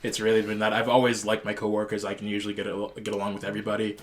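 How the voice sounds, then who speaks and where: A man in his twenties with a slightly low voice hosts a relaxed podcast among friends. He is enthusiastic and tends to repeat himself as he goes. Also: racing. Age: 20s. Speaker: podcast host.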